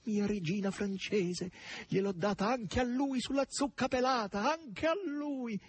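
A man doing a shrill giddy flying maid. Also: a little slow, a little hiss or hum. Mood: gleeful shrieking. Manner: shrieking, laughing, brash. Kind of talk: audiobook character voice.

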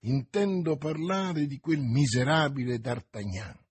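A vengeful, scheming noblewoman, put on by a male reader, pressing her demands in a raised, loud, insistent voice. The tone is husky, and the audiobook recording is close and dry. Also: medium pitch, a little slow, dry recording, pitched above the performer's own voice. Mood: vehement. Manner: insistent, vehement, raised intense delivery. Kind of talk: audiobook character reading.

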